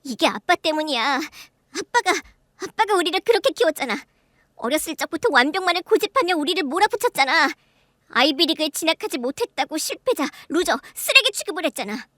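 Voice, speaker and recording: A woman's voice: high-pitched, big pitch swings, a little fast, bright, forceful tone, no echo, studio quality, voice pushed up, full character voice. A woman voicing a spoiled, defiant daughter in her late twenties who whines and talks back in a radio drama. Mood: accusing. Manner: whiny, talking back.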